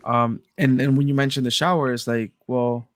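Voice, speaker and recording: A man's voice: medium pitch, moderate pace, dry recording, studio quality. A young man co-hosting a podcast, chatting casually and slipping Spanish phrases into his English. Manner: relaxed, mixes Spanish into English. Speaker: podcast co-host. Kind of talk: casual chat.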